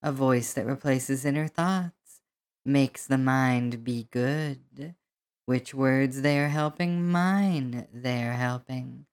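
A woman speaking as a hypnotist right in the listener's ear, in a commanding, deliberate, lulling monologue full of repetition. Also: very deep voice, darkish tone, clean tone. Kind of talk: slow hypnosis monologue, spoken close in the ear.

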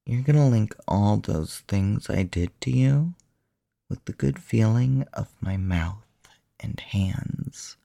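A woman speaks in a very slow, husky half-whisper with a gravelly fry at the edges of her words. Her tone is teasing and commanding, close to the microphone, in a dry, dead room. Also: a bass voice, lively intonation, mellow, dry recording. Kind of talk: whispered erotic ASMR roleplay.

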